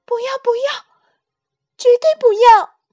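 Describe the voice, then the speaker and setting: A woman voicing a small, trusting baby ankylosaur boy in a children's storybook reading, high, eager and pleading. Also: big pitch swings, measured pace, a bit bright, soft background music, full character voice.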